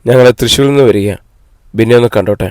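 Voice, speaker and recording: A man reading the lines of an anxious young widowed woman, quiet and worried. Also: medium pitch, fast, no echo, clean studio sound, lightly acted.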